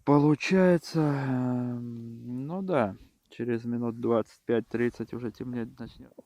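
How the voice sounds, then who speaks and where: Slow-talking man outdoors, wind on the mic. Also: medium pitch, dark tone. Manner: unhurried, muttering short remarks to viewers. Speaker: angler filming own fishing vlog. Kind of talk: casual outdoor fishing commentary.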